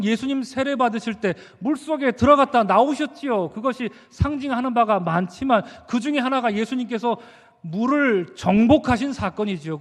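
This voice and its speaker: A male pastor delivering a sermon, who acts out the disciples' frightened and angry words. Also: high voice. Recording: church hall reverb.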